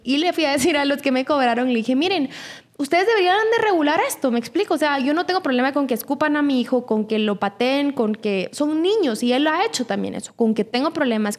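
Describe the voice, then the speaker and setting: Woman, thirties; lively storyteller, voices the quotes. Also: on the high side. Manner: animated, acts out quotes in raised voice. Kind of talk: casual storytelling chat.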